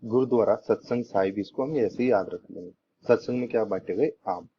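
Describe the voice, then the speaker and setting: Young male tutor, deep-ish voice, repetitive quiz-style delivery, dull lo-fi recording with faint hiss. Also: brisk. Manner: repetitive, asks rhetorical questions and answers them. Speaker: teacher. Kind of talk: exam-prep lesson teaching memory tricks.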